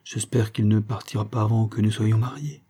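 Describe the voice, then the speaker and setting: A man reading a story voices a capricious, quick-tempered young woman who turns pleading and coaxing. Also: lowish voice, steady tone, mellow, breathy edge. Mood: teasing, defiant.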